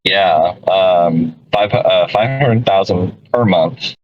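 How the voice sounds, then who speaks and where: Speaking slowly in a low voice, a podcast co-host joins by phone from his moving car, and the recording is dry. His casual talk rambles with self-corrections and frequent chuckles, heard through dull lo-fi call audio.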